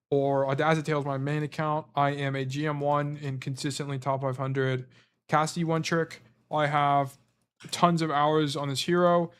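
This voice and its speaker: A fairly high-pitched, smooth male voice belongs to a game coach hosting a stream. He walks through gameplay in a casual, rambling way with lots of fillers, his voice starting to fail.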